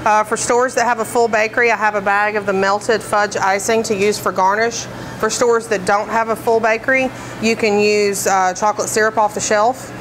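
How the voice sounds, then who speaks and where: A woman bakery trainer gives an instructional demonstration indoors in a commercial kitchen, explaining decorating steps in plain, practical terms with frequent fillers. Her medium-pitched, fairly bright voice keeps a fairly even intonation at a moderate pace, with a little hiss or hum on the recording.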